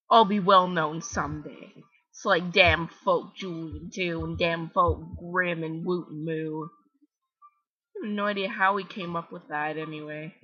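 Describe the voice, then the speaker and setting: A woman's voice: lowish voice, pushed and bright. A teenage girl from Canada with a Canadian accent, rambling chattily and self-mockingly as she comments on her game. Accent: Canadian English. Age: teens. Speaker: gaming vlogger. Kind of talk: casual gameplay commentary. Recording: slightly dull lo-fi home recording.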